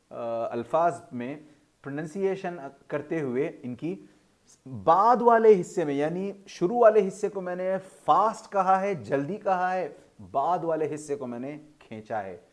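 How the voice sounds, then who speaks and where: A man teaching English pronunciation in a video lesson, explaining in a formal tone with Urdu-flavoured words and slowly drawing out each example word. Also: on the high side. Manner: slow, drawn-out model pronunciations between explanations.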